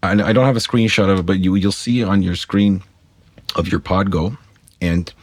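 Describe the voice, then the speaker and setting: A man's voice: deep voice, fairly even intonation, normal speed, no room sound. A man giving a casual step-by-step tutorial, chatty and self-correcting, speaking straight to his viewers. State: talking with a pick in his mouth. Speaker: guitar gear tutorial maker. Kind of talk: casual screen-capture tutorial.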